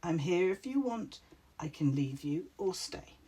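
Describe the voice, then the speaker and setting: Kindly female witch for a storybook, reassuring and slow, voiced by a woman. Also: lowish voice, sing-song, warm tone, slightly rough, full character voice. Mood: gentle. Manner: soothing, reassuring. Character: kind, gentle female witch, comforting friend.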